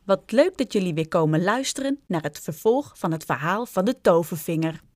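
A woman's voice: lowish voice, lively intonation, moderate pace, darkish tone, dry recording, studio quality. A woman reading a children's storybook aloud, speaking directly and expressively to young listeners.

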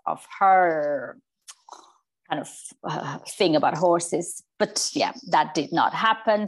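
A woman in her forties from Spain with a Spanish accent, a riding coach chatting in an interview, often repeating words as she restarts. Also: fairly low pitch. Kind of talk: casual interview.

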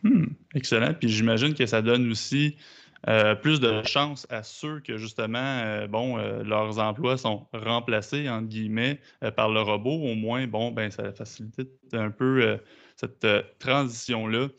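A man's voice: fairly low pitch, fairly even intonation, a little slow, creaky, fairly bright tone, highs cut off. A man with a Québécois French accent hosting a radio round table, an easygoing moderator who hesitates with fillers. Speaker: host.

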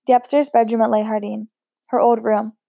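A woman reading a novel aloud at a steady pace, unpolished, with occasional slips and restarts. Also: on the high side, a little fast, gravelly, no room sound. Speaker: audiobook reader.

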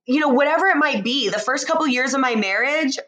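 A woman talking casually and intimately to her listener in an unhurried, drawn-out way, reassuring and encouraging. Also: high voice, sharp tone. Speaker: host speaking to listeners. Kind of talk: intimate, casual motivational talk.

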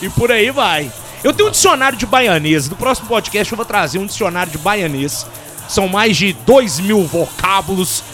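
Animated high-voiced man. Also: moderate pace, soft background music. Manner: animated, slangy, breaks into mimicked voices. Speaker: podcast host. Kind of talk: casual podcast chat. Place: studio table with beer. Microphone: handheld mic.

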